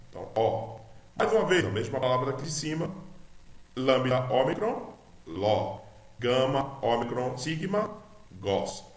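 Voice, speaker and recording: A man's voice: medium pitch, reverberant. A man with a Brazilian Portuguese accent teaches a Greek lesson, spelling out each letter and sound and having the listener repeat after him. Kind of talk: slow recorded language lesson.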